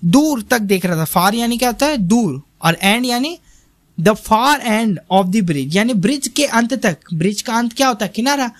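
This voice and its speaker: Slow, dry-voiced male tutor. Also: very high voice, animated, dry recording. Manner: reads English lines very slowly, then explains in Hindi with quiz-style questions. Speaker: teacher. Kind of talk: slow line-by-line textbook lecture.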